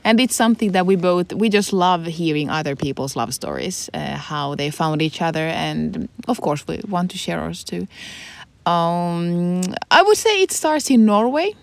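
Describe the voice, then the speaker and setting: A woman's voice: fairly low pitch, sing-song, moderate pace, creaky, no echo. A Finnish woman in her twenties, a native Swedish speaker, co-hosting a podcast in casual, chatty talk with frequent laughs and fillers. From Finland. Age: 20s. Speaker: podcast co-host. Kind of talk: casual chat.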